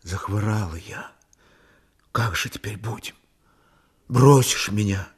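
A man voicing a sick, frightened young Cossack woman who speaks quietly and partly in a whisper. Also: mid-range voice, animated, unhurried, husky.

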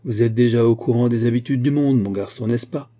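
A man voicing a bitter, ragged vagabond who speaks curtly and defiantly in a dark, husky voice. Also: mid-range voice, normal speed, lightly acted. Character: bitter, ragged male vagabond, hard and resolute.

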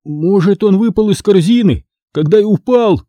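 A man's voice: high-pitched, moderate pace, mellow, dry recording, highs cut off, voice pushed up, lightly acted. A man voicing a boastful, clumsy young boy who whines and protests, reading from a storybook. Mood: whiny. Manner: whining and protesting.

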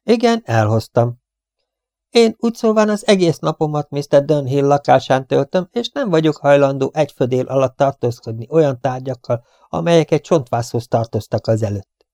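Brief: male reader playing a fussy, superstitious stout cleaning lady, high shrill chatter, mellow dry audiobook sound. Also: expressive, dry recording, natural voice.

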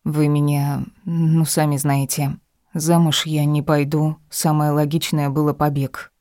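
A sullen, bitter young woman trapped and defiant, her lines delivered low and mellow by a man reading an audiobook. The recording is close and dry, with no room sound. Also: little pitch movement, unhurried, no room sound, natural voice. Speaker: audiobook reader. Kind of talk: audiobook dialogue.

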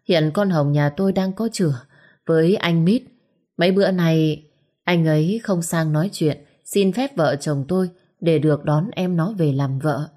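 A woman's voice: lowish voice, dark tone. A woman voicing a wronged old peasant father in a storybook reading, who speaks with bitter outrage. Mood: earnest. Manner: pleading then cursing in outrage.

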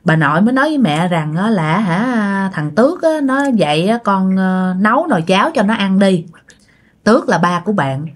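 A woman's voice: medium pitch, lively intonation, normal speed. A woman telling a ghost story casually, talking straight to her listeners. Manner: chatty, addresses listeners directly.

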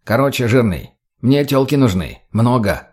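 A man's voice: mid-range voice, expressive, normal speed, darkish tone, breathy edge. A man voicing a crude, short-tempered drug addict thug who barks profanity bluntly. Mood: aggressive.

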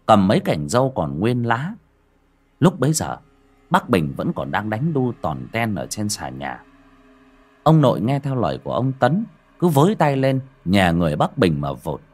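A man narrating a village ghost story in a dramatic, expressive manner. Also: lowish voice, slightly rough.

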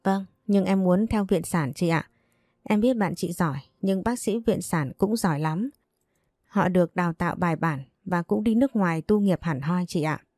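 A woman narrator playing a courteous young wife, earnest and respectful in every word. Her voice is mellow and low in brightness, close and dry. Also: normal speed, dry recording, natural voice. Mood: polite. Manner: polite, earnest.

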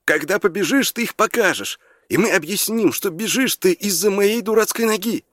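Brief: male reader doing a dramatic young Irish fellow, pleading, raised pitch. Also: moderate pace, fairly bright tone, dry recording, studio quality. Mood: alarmed. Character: excitable young Irish man, theatrical complainer.

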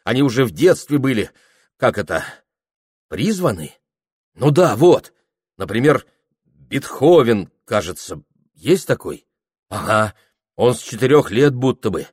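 A man's voice: medium pitch, big pitch swings, unhurried, long pauses, darkish tone, slightly rough, no echo, studio quality, voice pushed up. A man reading an audiobook, voicing an awkward young man who boasts eagerly of his plans. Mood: boastful. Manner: eager, boastful, sometimes sulky.

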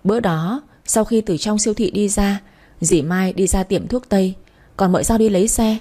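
Brief: a woman doing a feisty young maid, loud and accusing, mellow tone. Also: mid-range voice, normal speed, close to an everyday voice. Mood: insistent. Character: outspoken young female servant girl, blunt and fiery.

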